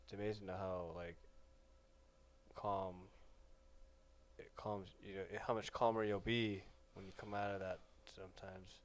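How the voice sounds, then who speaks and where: A man hosting a casual podcast, relaxed and agreeable, chiming in with short affirmations. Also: deep voice, unhurried, pauses often. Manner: easygoing, lots of short affirmations. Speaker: podcast host.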